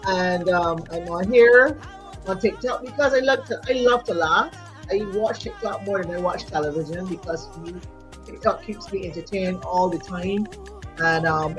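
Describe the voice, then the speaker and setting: A Barbadian woman who sings and runs businesses chats in an animated, casual way, full of "you know." Her voice is fairly low in pitch.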